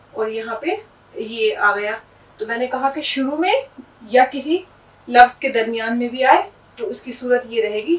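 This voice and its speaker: A woman's voice: a little high, recorded from a distance, poor audio. A woman teacher with an Indian Urdu accent, patiently explaining words and letters with examples in a language lesson.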